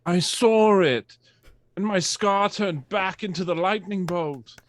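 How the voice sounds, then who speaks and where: A woman's voice: medium pitch, slow pace, lightly acted. A woman voicing an anguished, melodramatic teenage wizard boy in an amateur dramatic reading of fan fiction. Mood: anguished, earnest.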